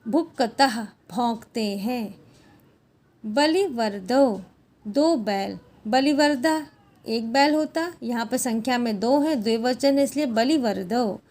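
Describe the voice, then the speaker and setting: A woman teaching Sanskrit, working through textbook exercises and glossing each word slowly and patiently. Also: fairly high pitch, a little mellow.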